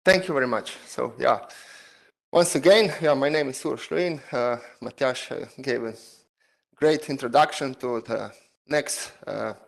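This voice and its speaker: A man, a PhD student, giving an online seminar talk over a video call, halting with many fillers and non-native phrasing. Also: medium pitch, creaky, rough recording.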